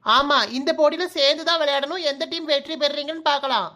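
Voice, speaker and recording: High-voiced woman, blunt cartoon comedy. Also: steady tone, fast talker, pushed and bright. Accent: Kanyakumari Tamil. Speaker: cartoon voice artist. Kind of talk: village cartoon comedy voicing.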